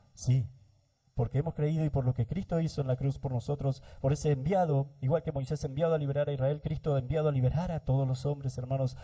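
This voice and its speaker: A man preaching a sermon as pastor, explaining slowly with pauses and restarts, often addressing his listeners as brothers and adding amens. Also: on the high side, mellow.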